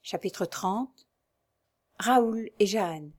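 A woman's voice: medium pitch, drawn-out words, music in the background. Woman narrating a classic novel. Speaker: audiobook narrator.

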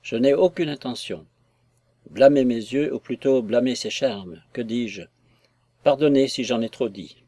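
A man's voice: medium pitch, measured pace, dark tone, no echo, natural voice. A man voicing a young lover, anxious and ardent, who pleads fervently.

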